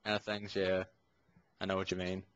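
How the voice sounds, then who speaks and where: A man in his late twenties chats casually on a podcast in a lowish voice. He rambles through fillers and restarts and swears now and then. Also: monotone, moderate pace, a bit bright, dull audio. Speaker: podcast co-host. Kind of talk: casual chat.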